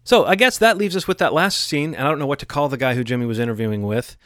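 A man of middle pitch talks through a TV episode in a casual, analytical way, now and then laughing at his own points. His voice sits close and dry, with no room sound around it. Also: fast talker, a bit bright, no echo. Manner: analytical, thoughtful, occasional laughs. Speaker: podcast co-host. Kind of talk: casual TV recap discussion.

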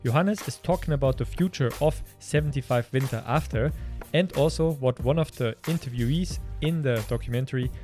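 A man's voice: medium pitch, fairly quick, warm tone, soft background music. A man hosting a podcast, chatty and stumbling over his words as he asks questions. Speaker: podcast host. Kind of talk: casual interview chat.

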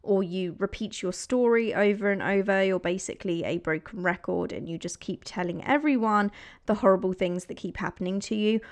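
A woman giving a motivational speech, addressing the listener in a direct, emphatic, exhorting way. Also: mid-range voice. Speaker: motivational speaker and writer.

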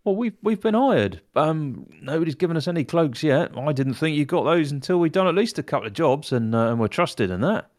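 A man's voice: fairly high pitch, animated, fairly quick, few pauses, a little mellow, voice pushed up, lightly acted. A man playing a nervous stammering adventurer. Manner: stammering, anxious. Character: nervous male adventurer bluffing his way out.

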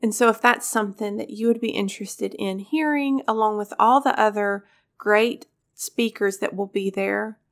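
A woman's voice: medium pitch, steady tone, normal speed. A woman hosting a faith-based podcast, earnest and encouraging, her voice scratchy and congested from a cold. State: congested, getting over a cold. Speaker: podcast host.

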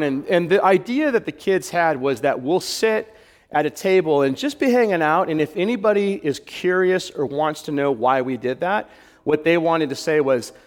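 Guy pastor telling a funny story in a sermon, kinda high voice, big echoey church hall. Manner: animated, self-deprecating, acts out quoted voices. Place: church hall with live audience. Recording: long hall reverb.

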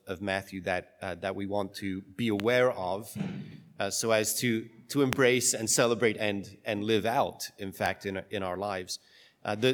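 A man's voice: on the low side, a little hiss or hum. A man speaking as a priest in church, reading scripture and preaching, with a cathedral echo around his voice. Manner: halting, searching for words in the homily. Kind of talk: liturgical gospel reading and sermon. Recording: long cathedral-like echo in a large space.

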